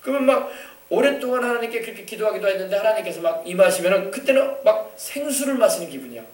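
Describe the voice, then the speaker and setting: High-voiced man preaching in an echoey church. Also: animated, fast, far from the mic. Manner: emphatic preaching, rising to shouts, acting out quoted voices. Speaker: pastor. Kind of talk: sermon. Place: church sanctuary.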